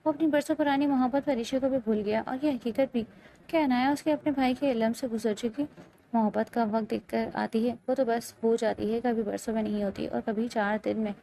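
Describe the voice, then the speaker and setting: A woman narrating a romance novel in a steady, dramatic storytelling way, as scripted audiobook narration. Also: on the high side, creaky, slight background noise, low-quality recording.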